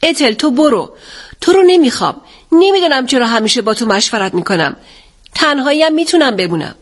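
A woman's voice: high voice, expressive, voice pushed up. A woman reading an audiobook, voicing a proud, stubborn elderly English father who talks in a self-assured, haughty way.

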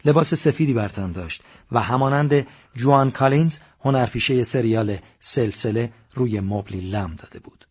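A man narrating an audiobook in an even, measured reading. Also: mid-range voice, slightly rough. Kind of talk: scripted narration.

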